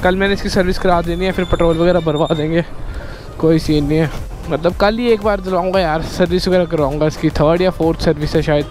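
Excited young man vlogging from his bike. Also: a little high, fast talker. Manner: excited, keeps calling out to viewers. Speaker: moto vlogger. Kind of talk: casual vlog narration while riding. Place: outdoors on city streets. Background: music.

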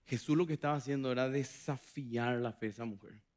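A man preaching a sermon as pastor, dramatic, acting out quoted voices with big swings from loud to hushed. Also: medium pitch, steady tone, a little fast. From Paraguay. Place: church hall.

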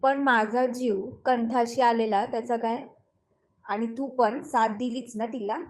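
A woman voicing a young husband in an audio story reading, earnest and pleading, in a slow, even voice. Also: a little high. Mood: irritated. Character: young husband, stern then tender.

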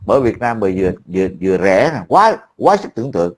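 A man's voice: lowish voice, sing-song, fast talker. Blunt, profane man. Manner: blunt, profane and mocking, with frequent laughs. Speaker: online commentator. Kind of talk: casual talk to a friend.

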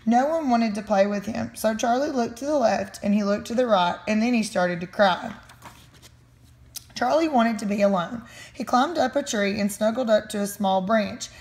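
A woman reading a children's storybook aloud, expressive and slowing down on key phrases. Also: medium pitch.

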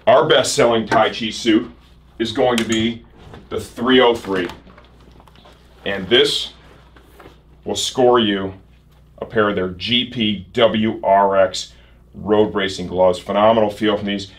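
A man's voice: fairly low pitch, fairly even intonation, slow pace, pauses often, slight background noise. A man in his thirties presenting a casual sales promo as a shop show host, upbeat and punchy in his phrasing. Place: indoor shop set.

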